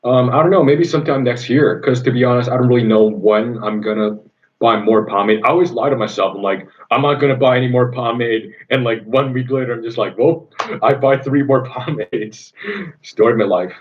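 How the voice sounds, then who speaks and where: A young Indonesian man hosts a livestream and answers viewer questions in a casual, fairly quick, mid-range voice. He rambles with lots of ums and easy enthusiasm. The sound is dull and lo-fi.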